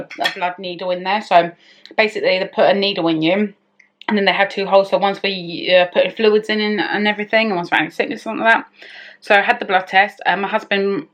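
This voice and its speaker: A woman vlogger with a mid-range, slightly bright voice tells a personal story in casual story-time chat. She rambles and keeps interrupting herself to restart sentences.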